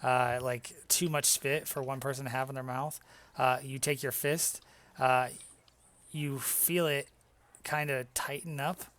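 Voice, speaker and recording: A man's voice: mid-range voice, steady tone, measured pace, fairly bright tone. Laid-back man running a tabletop game. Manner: casual, laughs often, swears. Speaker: dungeon master.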